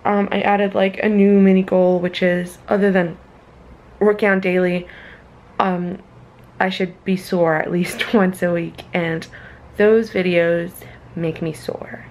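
A woman's voice: on the low side, little pitch movement, measured pace, darkish tone, a little hiss or hum, low-quality recording. A young woman talking casually to a handheld camera as she vlogs her day, rambling with lots of fillers. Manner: chatty, rambling, many "like" and "um" fillers. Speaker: vlogger. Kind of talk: casual daily vlog narration.

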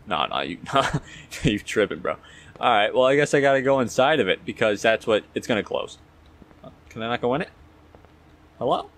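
Scared horror game streamer: young male, jittery, slangy, swinging pitch, casual self-muttering commentary. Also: expressive, fast talker, fairly bright tone. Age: young adult.

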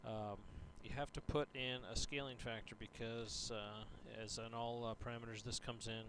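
A man narrating a software screen tutorial, haltingly dictating each step and typed entry piece by piece. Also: medium pitch, level tone. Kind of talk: instructional screen-recording narration. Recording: clear background hum and noise.

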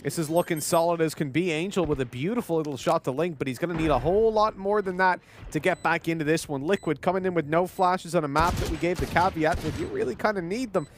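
A man offers analytical esports commentary. His voice is high, with clearly audible game gunfire behind it. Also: fast, few pauses, a little hiss or hum.

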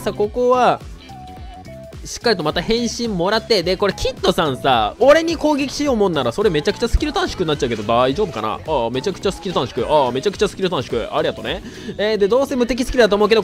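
A man narrates his own gameplay in a high, bouncy voice that rises and dips all over. He sounds a little stuffed up and raspy from a cold, and he talks in a chatty, excitable way. Faint music plays in the background. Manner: chatty, excitable, breaks into shouts while playing. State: slightly nasal from a cold; hoarse. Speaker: gaming YouTuber. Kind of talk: live gameplay commentary.

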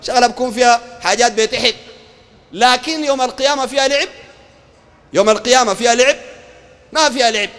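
A man with a Sudanese Arabic accent preaching a street sermon, animated and throwing rhetorical questions at his listeners. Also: extremely high pitch, fast talker, long pauses, clean tone, long reverb tail. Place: outdoor market.

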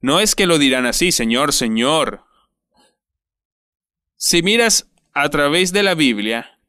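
A man preaching a sermon in a deliberate, emphatic way, dwelling on repeated words. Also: mid-range voice, sharp tone, no room sound, clean studio sound. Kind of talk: sermon voice-over.

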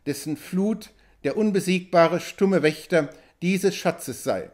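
A man reading as a calm, clever frontier hunter. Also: high-pitched. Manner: calm, measured reasoning.

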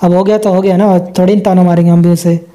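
A man's voice: high voice, little pitch movement, fast talker, mellow. A young man giving casual, joking commentary over gameplay and talking to himself as he plays. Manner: chatty, joking, talks to himself.

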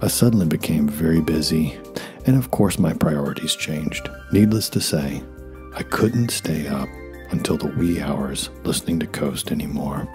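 Very deep-voiced man narrating wryly. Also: expressive, normal speed. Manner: wry, self-deprecating asides. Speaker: YouTube narrator. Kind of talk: scripted documentary narration. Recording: faint music behind voice. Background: faint music.

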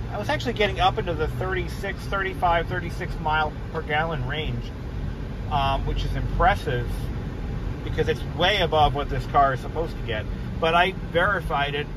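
A young man from New England chatting casually to camera while he drives, rambling and correcting himself with frequent ums. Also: fairly high pitch. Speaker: car vlogger. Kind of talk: casual driving vlog. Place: inside a moving car. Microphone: phone camera on the dashboard. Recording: car and road noise behind.

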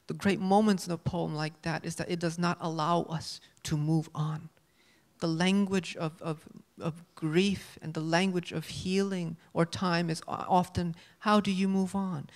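A man moderating a stage panel, speaking in a measured, deliberate academic way into a handheld mic. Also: high voice, little pitch movement. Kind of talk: poetry reading and interview question. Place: auditorium stage.

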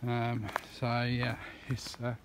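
A man's voice: medium pitch, completely flat delivery, slow pace. Man, 30s, casual outdoors vlogger, handheld phone, noisy open-air sound. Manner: rambling, many ums, chatty. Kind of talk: casual vlog narration. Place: woodland campsite and path outdoors. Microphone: phone camera held at arm's length. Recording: outdoor phone audio with clear background noise.

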